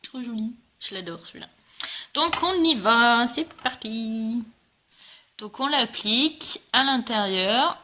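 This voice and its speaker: A woman with a bright, clear voice hosts a casual live makeup tutorial. She talks in a bubbly, chatty way, full of fillers, and greets her viewers while she demonstrates. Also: fairly high pitch, animated, slow pace. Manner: chatty and enthusiastic, many fillers. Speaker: makeup presenter.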